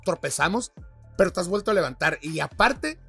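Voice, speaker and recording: Gravelly high-voiced podcast host. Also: male voice, lively intonation, brisk, fairly bright tone, faint music behind. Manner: slangy, admiring interviewer. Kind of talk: casual podcast chat.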